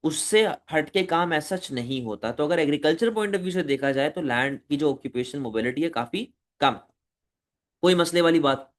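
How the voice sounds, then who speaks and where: A man's voice: on the high side, expressive, normal speed. A man giving an economics lecture, talking to students as "beta", asking rhetorical questions and mixing in English terms. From Pakistan. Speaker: economics teacher. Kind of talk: recorded lecture.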